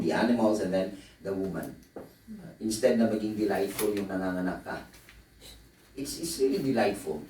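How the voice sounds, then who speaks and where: A man's voice: fairly low pitch, far from the mic, a little hiss or hum. Male pastor, bible conference sermon, joking storyteller, echoey hall, mic set back, faint room ambience. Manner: humorous, mixes Tagalog with English phrases; animated storytelling asides.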